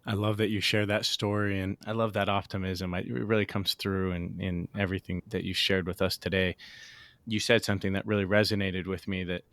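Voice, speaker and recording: A man's voice: low-pitched, little pitch movement, brisk, fairly bright tone, no echo. A man hosting an interview podcast, responding in an affirming, reflective way. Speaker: podcast host.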